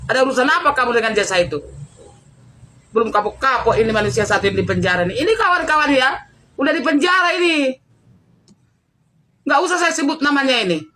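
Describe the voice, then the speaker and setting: A woman hosts an angry commentary vlog in a high, bright voice. She scolds and mocks without letting up, repeating taunting questions over and over. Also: expressive, fast talker. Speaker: channel host.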